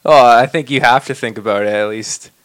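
A man co-hosting a comedy podcast, making dry, deadpan jokes and laughing often. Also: mid-range voice, fairly quick. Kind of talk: casual chat.

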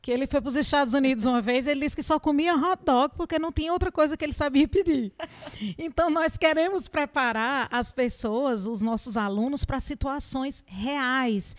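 A woman English teacher with a Northeastern Brazilian accent, giving animated interview answers full of examples and rhetorical questions. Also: sits high, normal speed. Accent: Northeastern Brazilian Portuguese.

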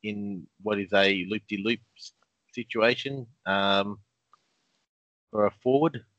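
A man's voice: lowish voice, slow pace, fairly bright tone, no echo. A man co-hosting a casual fantasy football chat, laid-back and jokey with lots of ums. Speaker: podcast co-host. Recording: dull lo-fi sound.

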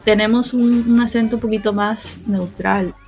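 A woman's voice: on the high side, steady tone, moderate pace, a little mellow, faint music behind. A young woman from Lima with a Peruvian Spanish accent, explaining things eagerly in a casual podcast chat. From Peru. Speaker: podcast co-host.

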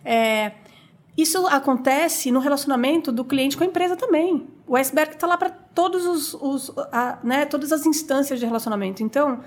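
A middle-aged woman speaks as a guest in a relaxed interview, her voice sitting noticeably high. She tells stories in an animated, chatty way, restarting sentences and filling pauses as she goes. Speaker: guest, coffee business owner. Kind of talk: conversational interview storytelling.

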